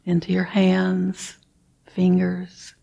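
A woman guides a meditation in a slow, unhurried, soft-spoken way, often clearing her throat. Her voice is low, dark and gravelly, with a husky edge. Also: completely flat delivery, highs cut off. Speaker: meditation teacher.

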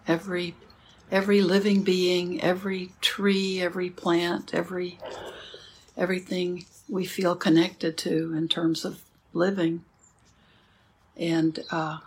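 A woman leading a guided meditation as a teacher, speaking calmly and gently with unhurried pauses. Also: on the low side, breathy edge, poor audio.

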